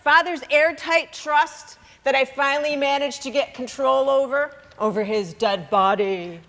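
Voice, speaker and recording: A woman's voice: high voice, a little slow, fairly bright tone, in a large hall. A woman playing a bitter, cutting daughter. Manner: sardonic, blunt, cutting. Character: bitter grown daughter, tipsy, cold and cutting. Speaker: actor. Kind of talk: stage play acting.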